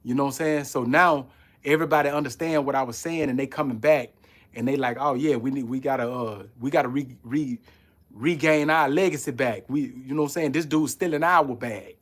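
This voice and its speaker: A man's voice: medium pitch, brisk. A man from Haiti hosting a live podcast, talking loosely and rambling with plenty of "you know what I'm saying.". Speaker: podcast host. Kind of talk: casual live-stream talk.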